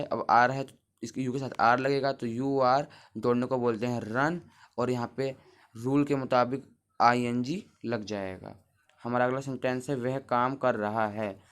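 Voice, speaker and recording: Male teacher, mid-pitched, patient, spells words out, talks to kids at the board. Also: clean tone. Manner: patient, explains step by step, spells words out letter by letter; talks to the class as children. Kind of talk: Hindi grammar lesson at a board.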